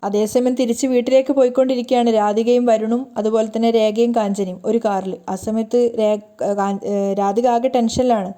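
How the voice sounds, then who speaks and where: A woman telling a TV serial's story in a hurried spoken recap, slipping and correcting herself as she goes. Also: fairly high pitch, fairly even intonation, warm tone. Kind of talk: fast spoken recap narration.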